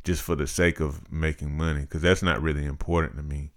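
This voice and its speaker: Very deep-voiced man, measured podcast chat. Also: level tone. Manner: measured, reflective, practical-minded. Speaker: podcast co-host. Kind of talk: casual chat.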